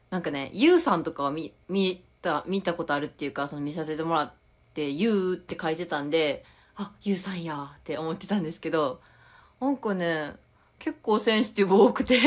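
A young woman with a Tokushima dialect, chatting casually on a live stream and reading viewer comments aloud with frequent giggles. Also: on the low side. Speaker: idol livestreamer.

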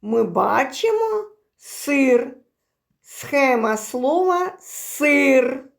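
A woman's voice: sits high, very animated, very slow, creaky. A woman teaching preschool children a phonics lesson, speaking in an exaggerated sing-song way.

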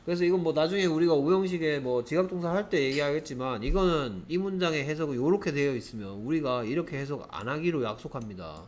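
A man teaching an English grammar lesson to students, lively and constantly checking in with rhetorical questions. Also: a little high, quick pace, hardly any pauses.

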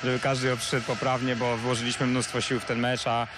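A man's voice: mid-range voice, little pitch movement, fairly quick, noisy background. A young man, a basketball player, answering a post-match interview at a handheld mic, with many hesitant filler sounds. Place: courtside interview wall in an arena. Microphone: handheld reporter mic.

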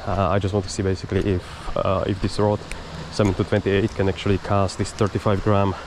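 Sitting low in pitch, this man's delivery is flat and brisk as he vlogs casually to camera, chuckling between comments. In his forties, he's an angler fishing from sea rocks outdoors, filmed on a chest-mounted and handheld action camera amid wind and water noise.

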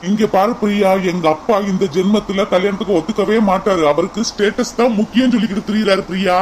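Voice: mid-range voice, steady tone, quick pace, darkish tone, a little hiss or hum, lightly acted, low-quality recording. A voice actor playing an earnest young man coaxing his sweetheart in a cartoon. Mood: earnest pleading. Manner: coaxing, keeps repeating her name. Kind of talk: cartoon voice acting.

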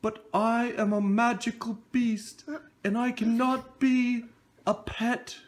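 A woman voicing a gentle magical unicorn in a children's home play, speaking slowly and formally. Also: a little high, fairly even intonation, slight background noise. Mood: solemn. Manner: slow, formal and solemn.

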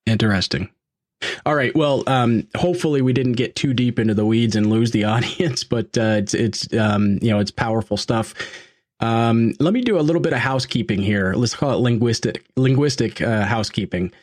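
A man hosting a podcast and interviewing a guest in a casual way. He talks with many fillers and quick asides. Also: medium pitch, darkish tone, no echo, clean studio sound.

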